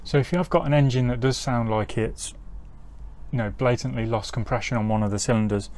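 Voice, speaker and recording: A middle-aged mechanic with a darkish, medium-pitched voice speaks fairly quickly as he leads an informal, step-by-step technical tutorial. He's outside on a driveway, and the ambient noise is clear.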